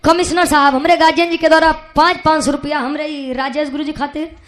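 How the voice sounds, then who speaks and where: A woman with a Bhojpuri accent performing Birha folk song on stage, telling an epic story in speech and then stretching her lines into long drawn-out sung verses. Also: high-pitched, level tone. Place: live outdoor stage show.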